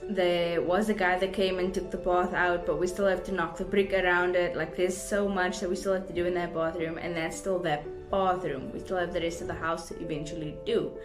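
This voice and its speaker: This young South African vlogger talks a little fast with hardly any pauses, her lowish voice staying level as she rambles and gushes to her viewers. The audio carries a roomy indoor echo with music underneath.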